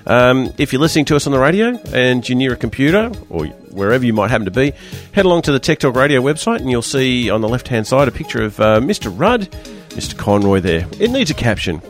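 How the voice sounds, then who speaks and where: Give me a hoarse, croaky Australian man presenting a casual, chatty radio show. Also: medium pitch, sing-song, fast, few pauses, faint music behind. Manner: chatty, loose, jokey banter.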